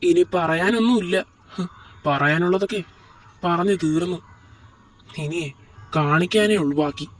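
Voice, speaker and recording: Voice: mid-range voice, unhurried, pauses often, close to an everyday voice. Someone voicing a curt, angry husband, heard from a distance. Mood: accusing. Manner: curt, contemptuous, accusing. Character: angry suspicious young husband. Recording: voice set back from the mic.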